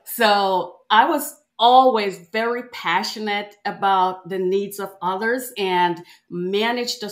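Slow, cheerful woman from Jamaica. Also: mid-range voice. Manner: cheerful, unhurried, laughs easily. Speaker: podcast guest. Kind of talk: conversational interview storytelling.

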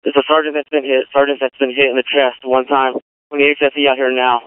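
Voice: mid-range voice, little pitch movement, fast, clear, resonant tone, dry recording. Distraught officer over crackly police radio. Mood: urgent. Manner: urgent, pleading, repeating himself. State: distressed, crying. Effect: police radio transmission. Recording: tinny narrow-band police radio.

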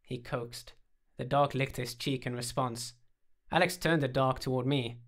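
Brief: calm male narrator reading a story, mid-pitched and measured.

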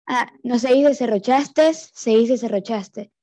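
A woman's voice: a little high, very slow, warm tone. A teenage girl, a student answering hesitantly in an online class. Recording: dull lo-fi call audio.

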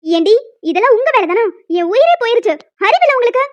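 A woman voicing a stern, bossy middle-aged female hostel warden in a cartoon, speaking in a lower, scolding voice. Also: racing, a little mellow, no echo, highs cut off. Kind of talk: cartoon voice acting.

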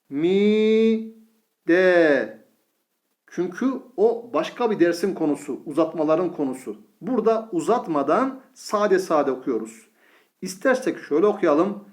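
A man teaching a reading lesson in a patient, step-by-step way, sounding out syllables one at a time. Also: a little high.

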